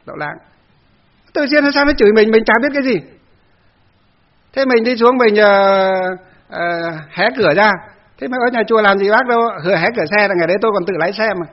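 A man's voice: high-pitched, expressive, a little fast, long pauses, muffled recording. A man, a Buddhist monk, giving a dharma talk in a chatty storytelling way with many fillers.

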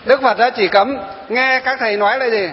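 Man, Buddhist monk, high voice, storytelling sermon, dull recording in a reverberant hall. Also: fairly even intonation, a little fast, slight background noise. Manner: storytelling, quoting followers, rhetorical questions. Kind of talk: dharma talk.

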